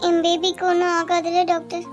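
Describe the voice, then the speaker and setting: Anjali, a tearful high-voiced young wife. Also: female voice, monotone, a little fast, faint music behind. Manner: tearful, pleading. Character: anxious pregnant young woman Anjali.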